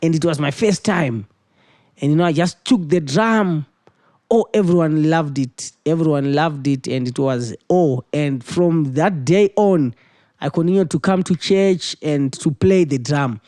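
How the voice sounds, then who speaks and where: A man, a musician answering interview questions in a halting way and repeating words as he searches for phrasing. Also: fairly high pitch, dark tone, no echo, studio quality. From Zimbabwe. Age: 20s. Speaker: musician guest.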